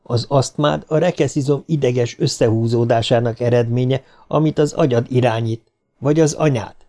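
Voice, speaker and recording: A man reading a smug, quietly threatening middle-aged pharmacist in an audiobook, calm and self-satisfied. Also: medium pitch, close to an everyday voice.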